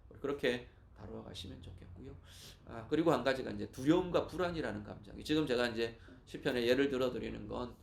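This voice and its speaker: A man's voice: medium pitch, quick pace, creaky, hardly any pauses. A man, a pastor, giving a sermon with earnest, emphatic preaching. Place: church cafe, indoors. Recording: echoey room.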